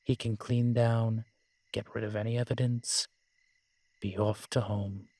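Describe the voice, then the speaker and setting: In a one-sided audio roleplay drama, a man voices a proud, ancient vampire weary of the world, speaking wryly and haughtily in ornate, old-fashioned language. His fairly low, darkish voice is flat and unhurried, with no room sound, and his mood is grumbling and watchful.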